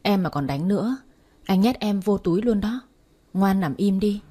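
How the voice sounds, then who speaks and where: A woman's voice: medium pitch, lively intonation, normal speed, warm tone, breathy edge. A woman voicing a cocky young male gang boss who teases and bosses around the woman he is courting. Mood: teasing. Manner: teasing, bossy tenderness.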